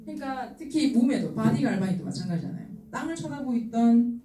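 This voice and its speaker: A middle-aged woman giving a lively sales talk to an audience, acting out the people she quotes and laughing often. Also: fairly high pitch, fast talker, distant mic, a little hiss or hum. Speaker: skincare sales speaker. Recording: roomy hall, voice from afar, faint ambience.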